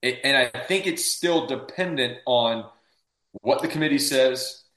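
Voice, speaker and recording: A man's voice: mid-range voice, measured pace, fairly bright tone. A man giving casual sports analysis as a panelist, posing questions and answering them himself. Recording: echoey room sound.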